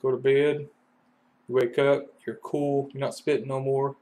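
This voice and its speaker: Kentucky man, HVAC tech, folksy explainer with fillers, mid-pitched voice. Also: little pitch movement, measured pace, dark tone. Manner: folksy, loose analogies with many fillers. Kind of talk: casual how-to explanation.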